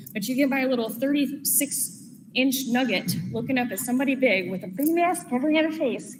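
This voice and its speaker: A woman, a parent, giving an earnest public comment at a school board meeting, with chatty asides. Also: on the high side. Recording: echoey hall with steady background noise.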